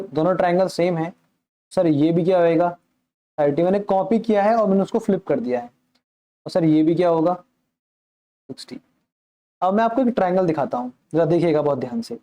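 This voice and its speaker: In a warm voice that sits high, a man gives an explanatory maths lesson. Patient throughout, he voices questions and answers them himself, repeats the key points, and treats his listeners politely.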